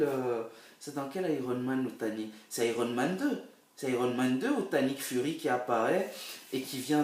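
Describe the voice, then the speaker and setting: Rambling man in a roomy echo. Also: mid-range voice. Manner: rambling, hesitant with many fillers, bursts of excitement. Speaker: film reviewer vlogger. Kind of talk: casual film review monologue. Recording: roomy echo, a bit far from the mic.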